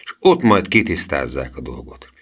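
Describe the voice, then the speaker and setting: Male narrator as a grumbling sergeant, deep and unhurried, storybook reading. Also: wildly swooping pitch, gravelly, heavily acted. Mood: gruff. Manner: slow, low grumble.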